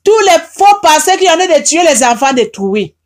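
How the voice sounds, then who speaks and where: A woman's voice: high voice, very animated, normal speed. A woman with a Haitian French accent, tearful and upset, preaching an impassioned, repetitive rebuke. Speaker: online advice host. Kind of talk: emotional preaching monologue.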